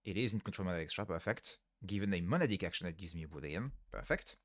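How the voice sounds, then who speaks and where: Talking fast and animatedly in a low-pitched voice, a weary man streams his coding work through a headset microphone. He reasons aloud one step at a time and catches himself mid-sentence to fix what he said, over clean studio sound without echo.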